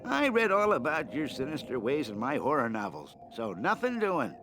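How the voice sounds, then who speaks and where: A man's voice: mid-range voice, wildly swooping pitch, normal speed, noisy background. A man playing a stubborn, grumpy gravedigger in a comic adventure game, querulous and skeptical as he scolds. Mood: scolding, skeptical. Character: jumpy, grumpy, stubborn gravedigger who loves horror novels.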